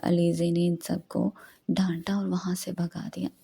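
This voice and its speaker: A woman narrating a romance novel as an audiobook in a steady storytelling read. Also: lowish voice, measured pace, creaky, slightly rough.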